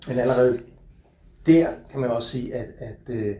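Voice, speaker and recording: A man interviewing an author, speaking calmly and hesitantly, with frequent murmured agreement. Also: medium pitch, roomy sound. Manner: calm, hesitant, frequent backchannel mm. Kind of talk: interview conversation.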